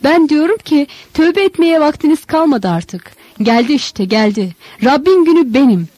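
A fervent male prophet cries out in raised, pitched-up bursts, as a woman narrator puts him on. The storybook voice stays warm and mellow, recorded dry and close with no room around it. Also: very animated, normal speed, dry recording, low-quality recording. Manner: impassioned, exclamatory.

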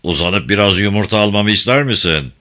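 A man's voice: lowish voice, animated, brisk, sharp tone. A man voicing a grumbling, cursing male deckhand in an audiobook. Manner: swearing, complaining.

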